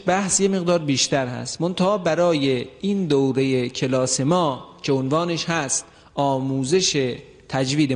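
A man's voice: mid-range voice, big-room sound. A man teaching an introductory class on Quran recitation rules, explaining step by step and asking questions he then answers himself.

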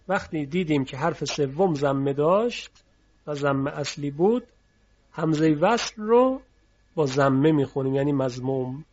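A man teaching a lesson on reading rules, patiently repeating each example word slowly. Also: on the high side, darkish tone, muffled recording.

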